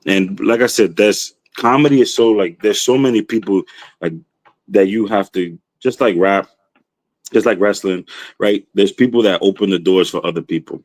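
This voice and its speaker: A man's voice: lowish voice, moderate pace, dry recording. A man chatting enthusiastically on a podcast, often tossing in "you know what I mean.". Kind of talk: casual chat.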